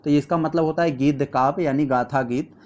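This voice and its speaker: Male tutor, slightly high voice, patient step-by-step exam explainer. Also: steady tone, a little mellow. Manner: explains step by step, reads questions aloud slowly. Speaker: teacher. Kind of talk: exam practice lesson.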